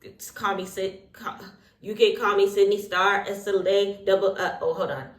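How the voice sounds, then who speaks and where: Her medium-pitched voice holds a steady tone at a moderate pace as this woman of Haitian heritage recaps reality TV casually while getting ready. The sound is roomy, and her take is sassy, opinionated, and full of slang and asides.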